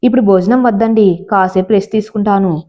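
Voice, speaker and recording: A woman voicing an anxious, devoted young pregnant wife who speaks softly and pleadingly. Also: medium pitch, fairly quick, lightly acted. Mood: tender. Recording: slightly dull lo-fi audio.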